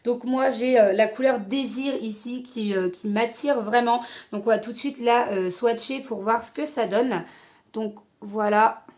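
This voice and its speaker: Young female beauty vlogger, slightly high voice, chatty and halting. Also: a little mellow. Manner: hesitant, many fillers. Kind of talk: casual product review.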